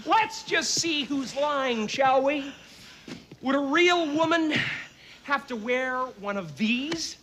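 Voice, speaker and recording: A man's voice: very high voice, lively intonation, takes it slowly, pushed and bright, a little hiss or hum, full character voice. A man playing a flamboyant, wisecracking film detective, smug and theatrical, with an exaggerated mocking delivery. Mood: mocking, accusing. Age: 30s. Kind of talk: theatrical comedic film acting. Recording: film soundtrack with music underneath.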